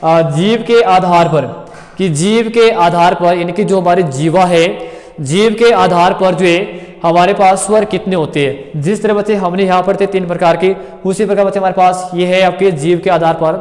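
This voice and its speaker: A man's voice: sits high, fairly even intonation, moderate pace, a little mellow, big-room sound. A man teaching grammar to exam students, explaining in a repetitive classroom way, calling his students kids and often checking if they understood.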